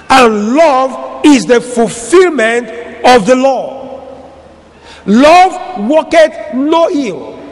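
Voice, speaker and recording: A man preaching a sermon in a church, stretching out key words and now and then shouting for emphasis. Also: extremely high pitch, long reverb tail. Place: church hall.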